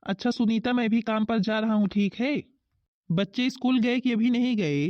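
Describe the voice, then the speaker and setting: A hardworking young cartoon husband, voiced by a woman, worried about money, speaks in a somewhat high voice. His talk is plain and practical. The recording is dull and dry. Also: moderate pace, no echo, lightly acted. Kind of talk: Hindi cartoon voice acting.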